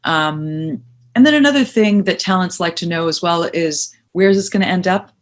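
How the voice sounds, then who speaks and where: A middle-aged woman who works as a voice-over coach and actress answers interview questions at a normal pace in a fairly low voice. Her advice is practical and emphatic, delivered in the second person.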